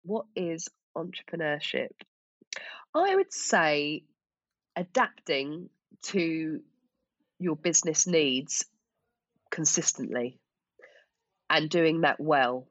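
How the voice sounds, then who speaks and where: Woman, Essex accent, deep pitch, informal podcast guest chat, self-deprecating, slightly dull dry recording. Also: sing-song, slow pace, long pauses, no room sound. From Essex, England. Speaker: podcast guest, small business owner. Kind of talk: casual interview chat.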